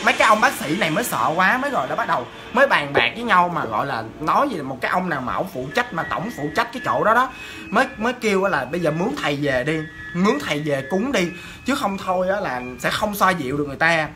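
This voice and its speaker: Animated woman telling ghost stories. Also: fairly low pitch, fast talker, music in the background. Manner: chatty, animated, addresses listeners. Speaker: storyteller. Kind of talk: casual ghost-story telling.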